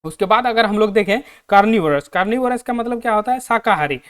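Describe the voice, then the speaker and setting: A man's voice: high voice, fairly bright tone, clean tone. Indian man teaching, asks and answers himself. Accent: Hindi. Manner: repeats questions to students and answers them himself; reads English sentences out slowly. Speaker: English teacher. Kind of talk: exam-prep lesson.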